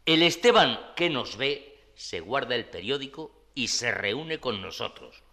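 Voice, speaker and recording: A bossy small-time crook in a Spanish comedy, with a very sharp, gravelly voice. He gives irritable, theatrical orders in a Spain accent. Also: mid-range voice, very animated, unhurried, exaggerated voice. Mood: commanding. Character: bossy, exasperated small-time gang boss.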